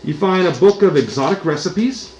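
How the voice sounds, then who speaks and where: A man narrating a tabletop role-playing game as dungeon master, explaining the rules in a relaxed, plain way. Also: sits high, moderate pace. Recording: roomy recording with background music. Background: background music.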